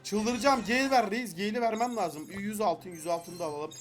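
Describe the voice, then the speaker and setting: A young man giving excited gameplay commentary, frustrated and pleading with the game as he opens loot boxes. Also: high voice, normal speed, faint music behind. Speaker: gaming YouTuber.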